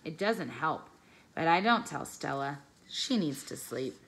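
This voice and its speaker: A woman calmly reading a children's novel aloud, careful and measured as a teacher. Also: deep voice, vocal fry, husky. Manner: calm, careful storytelling, pausing over phrases.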